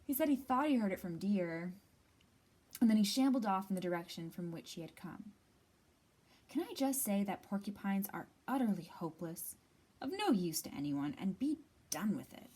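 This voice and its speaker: A storytime host with a slightly rough, mid-range voice reads a children's picture book aloud. She's expressive and deliberate, acting out phrases and using dramatic pauses.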